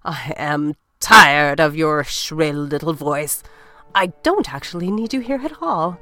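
A woman's voice: deep voice, animated, unhurried, bright, forceful tone, no echo, faint music behind, exaggerated voice. A ruthless old witch. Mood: cold menacing. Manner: cold, menacing and determined. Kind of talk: audiobook drama acting.

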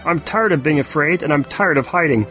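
A man voicing a young male dragon who is brave and gentle, in a raised youthful voice. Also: fairly high pitch, a little fast, soft background music, pitched above the performer's own voice. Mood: fierce.

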